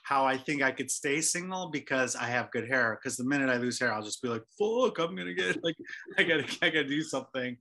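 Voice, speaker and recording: A man's voice: mid-range voice, expressive, fairly quick, pushed and bright. A man in his forties hosting a podcast, asking questions in a rambling, loose, chatty way. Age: 40s. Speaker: podcast host. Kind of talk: casual podcast interview.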